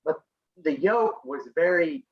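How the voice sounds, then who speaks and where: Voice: mid-range voice, expressive, slow, echoey room. Easygoing co-host with dull sound. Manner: easygoing, introduces each food. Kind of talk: casual chat.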